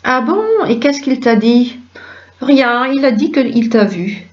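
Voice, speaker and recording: A woman's voice: on the high side, takes it slowly. Woman reading a stage play aloud. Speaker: reader of a play script. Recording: dull lo-fi recording.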